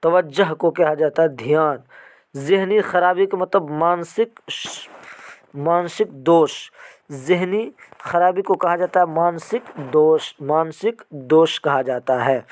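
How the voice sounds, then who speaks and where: A man teaching an exam-prep vocabulary lesson, repeating each term slowly several times. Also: fairly high pitch.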